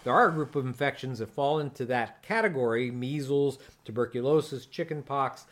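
A man's voice: medium pitch, brisk. A man hosting a podcast, working through a listener's question at an easy pace. He explains step by step, with fillers and dry jokes along the way. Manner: explanatory, joking, with frequent fillers. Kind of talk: casual podcast chat and explanation.

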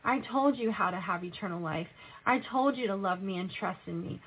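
A woman's voice: medium pitch, a little fast, slight background noise. A woman delivering religious prophecy and scripture in a solemn, admonishing manner. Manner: solemn, admonishing, rhetorical questions. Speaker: self-styled prophetess delivering a message as God. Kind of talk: prophetic proclamation and scripture reading. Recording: tinny, phone-like narrow-band audio.

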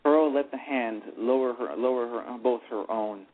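At a moderate pace and medium pitch, a man narrates a live radio play, often stumbling and going back to restart his words. It comes through as a tinny radio broadcast over a phone line.

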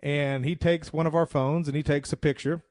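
A man's voice: a little high, fairly even intonation, moderate pace, darkish tone, no room sound, studio quality. Chatty man telling a long story. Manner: rambling anecdotes with many fillers and restarts. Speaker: radio talk show host. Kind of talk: casual radio talk, storytelling.

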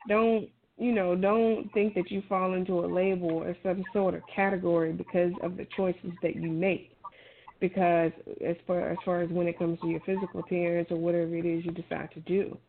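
Speaking in a fairly low voice with little pitch movement and at a normal speed, a middle-aged woman gives casual, colloquial advice that is emphatic and encouraging. The audio is thin, phone-like and clearly noisy.

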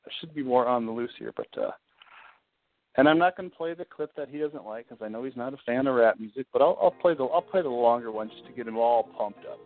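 A man's voice: mid-range voice, fast talker. A man hosting a sports talk show in a casual, loose, chatty way, through a phone-like connection. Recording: tinny, phone-like internet radio.

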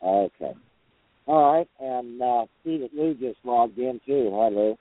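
A man's voice: mid-range voice, measured pace, no room sound. A man hosting a casual truckers' call-in show from a parked truck cab, talking in a folksy, rambling, hesitant way. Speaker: host of a truckers' talk show. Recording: narrow, tinny phone or radio line.

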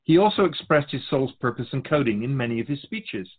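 Speaking as a sage spirit guide, a man responds to questions about the human soul in a reflective, explanatory mood. He teaches gently, in a measured and philosophical way, his mid-range male voice moving up and down with animation. There is a breathy edge, and the audio sounds like it came over a phone.

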